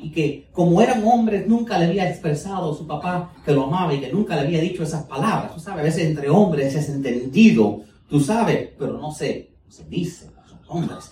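A preacher from the United States, a native English speaker with a high-leaning, dark-toned voice, delivers a folksy, joking sermon in a teacherly style. The recording sounds roomy, with a distant mic and faint background noise.

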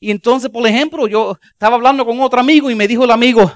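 Male pastor, high voice, joking folksy sermon, dry close sound, English words mixed in. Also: fast, no room sound. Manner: folksy, joking storyteller with rhetorical questions; mixes English words into Spanish.

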